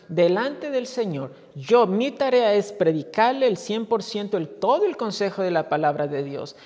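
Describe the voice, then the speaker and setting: A woman's voice: mid-range voice, a little mellow. A woman pastor delivering a sermon in a church, telling stories and often calling the congregation brothers. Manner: addresses listeners as brothers, storytelling, frequent restarts. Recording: reverberant church hall.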